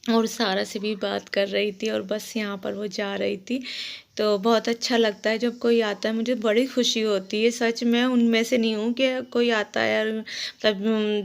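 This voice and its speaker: A middle-aged woman chatting through a casual voice-over of her day at home, rambling warmly from one small thing to the next. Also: medium pitch. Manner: chatty, warm-hearted, rambling storytelling. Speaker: vlogger. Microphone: phone.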